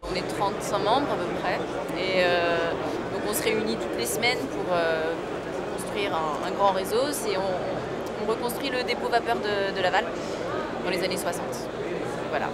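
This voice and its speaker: A woman, a club member, explaining quickly and hesitantly with fillers. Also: medium pitch. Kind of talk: casual explaining. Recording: loud noise, distant from mic.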